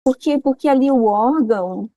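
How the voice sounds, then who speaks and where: A woman's voice: sits high, moderate pace, dark tone, no echo, highs cut off. A woman, a student on a video call, asking questions and giving short replies to her tutor. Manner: brief replies and acknowledgements.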